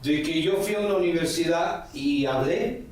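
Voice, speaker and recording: A religious elder in his forties answers interview questions with long, rambling stories packed with quoted speech and "ujú" fillers. His voice is fairly high and at normal speed. He is far from the mic in an echoey room, slightly off-mic, with faint background sound.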